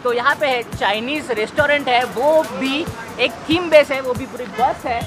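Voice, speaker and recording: Speaking at a moderate pace, an upbeat young man from Maharashtra, India, with a high voice reviews food casually for his vlog. He starts outside next to a bus, loud and chatty to camera, and relaxes into a quieter tone while eating in a bus restaurant, with background music beneath.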